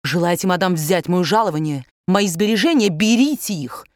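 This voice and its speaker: A woman's voice: lowish voice, animated, moderate pace, no room sound, clean studio sound, close to an everyday voice. A woman voicing an earnest, imploring young maid.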